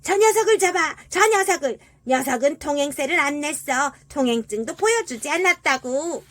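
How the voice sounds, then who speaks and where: A woman voicing a big, greedy sewer rat in a storybook, bossy and shouting for a toll. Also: extremely high pitch, moderate pace, pitched above the performer's own voice. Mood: angry shouting.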